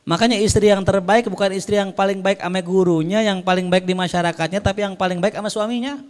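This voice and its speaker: A man gives a relaxed religious lecture. He reads Arabic lines and then explains them in slangy everyday speech, often with jokes. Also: sits high, fast talker, smooth. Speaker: Islamic preacher.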